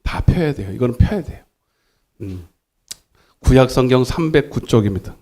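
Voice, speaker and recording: A man's voice: lively intonation, normal speed, warm tone. A man pastor preaching a sermon in a church, emphatic, calling out for the congregation's responses. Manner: emphatic, swings pitch up and down. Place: church sanctuary.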